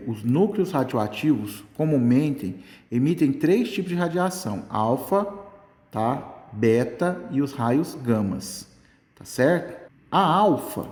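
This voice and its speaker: A man's voice: medium pitch, a little mellow. A man teaching a casual Brazilian Portuguese physics lesson, checking in with the class at nearly every step. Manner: chatty, keeps checking in with "tá?". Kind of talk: casual exam-prep lesson. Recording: echoey room with long reverb.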